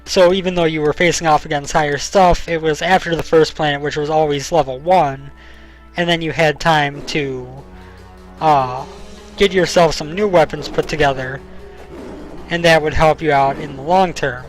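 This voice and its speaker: A young man narrates his game session in a relaxed, explanatory way, his voice sitting a little high. He fills pauses with ums while he has the hiccups. Faint game music runs underneath. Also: rough recording. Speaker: let's play host. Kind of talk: casual gameplay commentary.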